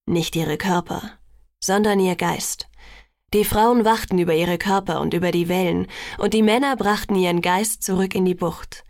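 Brief: woman reading old elder telling legends, solemn and measured, dry close sound. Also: lowish voice, a little mellow, no echo, lightly acted. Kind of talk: audiobook reading.

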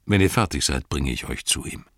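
A wise old wizard, voiced by a male audiobook reader, speaking low and unhurried in a soft, measured tone. His voice is very deep and gravelly, with a husky grain. The recording is close and dry. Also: dry recording, exaggerated voice. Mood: calm. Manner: calm, measured, soft-spoken.

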